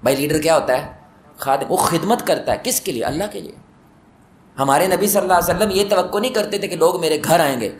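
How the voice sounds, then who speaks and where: A man delivers a mosque sermon in a fairly high voice. He tells stories and questions his listeners, rising to emphatic peaks. The sound is echoey, with faint noise behind him. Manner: storytelling, asks the audience questions, rises to emphatic peaks. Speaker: preacher. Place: mosque hall.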